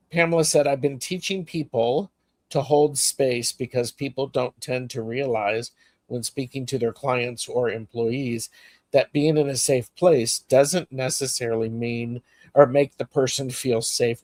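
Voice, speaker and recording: A man's voice: medium pitch, fairly even intonation, a little slow, a little mellow, no room sound. A man hosting a casual spiritual discussion, telling personal stories earnestly, getting emotional at times.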